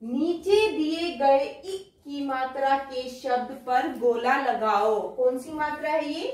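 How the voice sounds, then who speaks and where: High-voiced woman teaching slowly in an echoey room. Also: a little mellow, recorded from a distance. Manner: slow, drawn-out word-by-word reading; patient, explaining teacher tone. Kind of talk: children's lesson.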